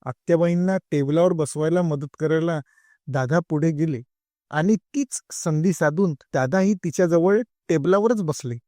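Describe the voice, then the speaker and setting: A man narrating a comic story in an unhurried, expressive reading. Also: on the high side, no room sound, studio quality.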